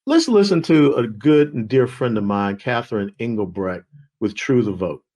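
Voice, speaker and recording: A man's voice: medium pitch, expressive, normal speed, mellow. A man hosting political commentary, talking in a folksy, joking way with mocking asides. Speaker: host and executive director.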